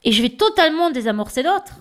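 A woman's voice: high-pitched, fast talker. A woman podcaster telling a personal anecdote in casual, chatty speech, talking straight to her listeners. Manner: chatty, expressive, addresses listeners directly.

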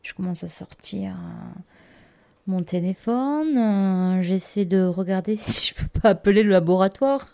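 A woman's voice: medium pitch, unhurried, gravelly, mellow. A woman recounting a comic personal story in a loose, chatty way. She leans on fillers and repeated catchwords as she builds the tale.

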